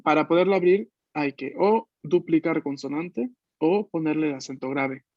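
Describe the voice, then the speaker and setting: A man teaching a French class online in Spanish, patiently explaining and slowly modeling words for his students. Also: fairly high pitch, darkish tone, no room sound. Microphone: video call. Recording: dull lo-fi video call audio.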